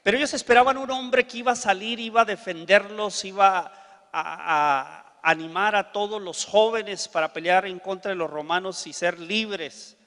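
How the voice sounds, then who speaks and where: A man's voice: high-pitched, normal speed, long reverb tail. A man preaching a sermon, telling a story and acting out each person's lines. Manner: animated storyteller acting out dialogue.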